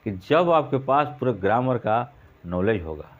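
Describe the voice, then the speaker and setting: A man teaching English grammar for competitive exams, asking his students questions and answering them himself, and repeating key words slowly for emphasis. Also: mid-range voice, lively intonation. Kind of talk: lecture. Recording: dull lo-fi recording.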